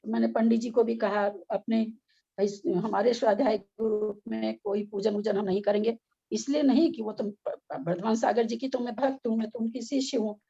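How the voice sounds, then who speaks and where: A woman's voice: fairly high pitch, fairly even intonation, normal speed, vocal fry, dark tone, husky, highs cut off. Woman teacher with a strained voice. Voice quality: strained, weakened voice. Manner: scolding, talks with effort. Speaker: religious study group teacher. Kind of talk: online scripture study class. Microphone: video call.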